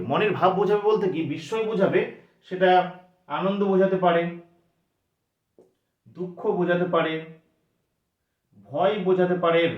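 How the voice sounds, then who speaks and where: A man with a fairly high voice teaches a grammar lesson aimed at exam prep, working through it step by step and posing questions to his students that he answers himself. The recording is echoey, dull and lo-fi.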